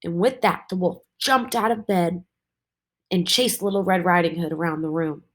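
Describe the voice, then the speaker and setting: A woman teacher reading a storybook aloud to her students, slow and expressive. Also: on the low side.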